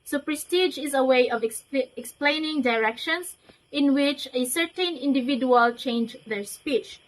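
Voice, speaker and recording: High-voiced young woman student presenter. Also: unhurried, poor audio. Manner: explanatory, with frequent "so" to link points. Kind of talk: reading a class report.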